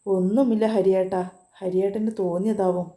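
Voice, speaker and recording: A pampered young college woman who pouts and answers irritably, read by a woman telling a story. Her voice is very dark and mellow, heard in a roomy, echoing space. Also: medium pitch, fairly even intonation, moderate pace, lightly acted. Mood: sulky. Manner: pouting, irritable. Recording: roomy echo.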